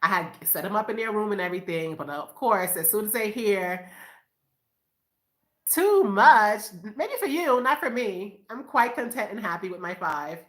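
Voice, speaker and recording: Animated and medium-pitched, a mother of five from Boston, USA chats at a moderate pace with her live-stream viewers from her room at home. She laughs often, keeps it upbeat and casual, and calls them "you guys"; the room echoes.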